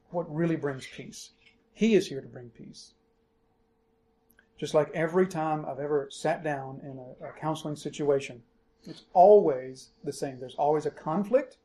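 A middle-aged male pastor preaching with a fairly high voice, his pitch climbing on quoted verses before settling back. He explains the text steadily and leans hard on key words. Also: a little mellow. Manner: expository preaching, rising emphatically on quoted verses. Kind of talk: sermon.

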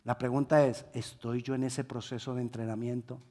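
A male preacher delivering a sermon, swinging between quiet reflection and loud emphasis. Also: mid-range voice, flat delivery, normal speed.

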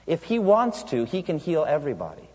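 Husky preacher in a reverberant hall. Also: male voice, fairly high pitch, huge pitch swings, brisk, darkish tone. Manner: earnest, storytelling with rhetorical questions. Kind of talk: sermon. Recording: dull, reverberant church hall sound.

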